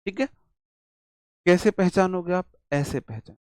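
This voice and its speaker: Slow, emphatic male teacher. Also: high voice, darkish tone, clean tone, no room sound, studio quality. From India. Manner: slow, emphatic, drags out example words; asks questions and answers himself. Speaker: English teacher. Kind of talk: classroom lecture.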